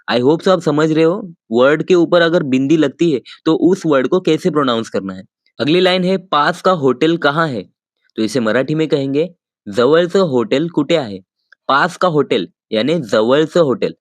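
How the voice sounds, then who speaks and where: A man teaching phrases in a lesson, patiently repeating each sentence slowly and talking straight to his viewers. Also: mid-range voice, no echo. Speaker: language teacher. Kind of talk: explaining vocabulary in a lesson.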